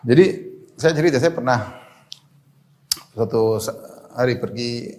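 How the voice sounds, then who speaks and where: A male preacher delivering a religious lecture in a steady mid-range voice. He explains step by step and circles back to restate each point, often closing phrases with a short "ya" to check in with listeners. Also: mid-range voice, unhurried. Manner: explanatory, repeats key points, tags phrases with "ya". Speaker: Islamic preacher.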